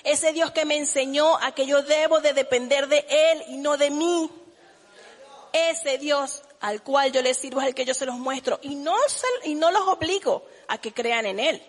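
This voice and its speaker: A woman preaching a sermon, earnest and testifying, swinging between loud passages and hushed ones. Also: high voice, a little slow. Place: church hall. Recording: echoey church hall.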